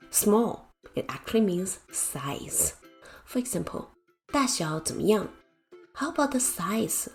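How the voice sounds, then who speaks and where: A woman teacher giving a scripted language lesson, speaking slowly and carefully and explaining with example sentences. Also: medium pitch. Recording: faint music behind the voice.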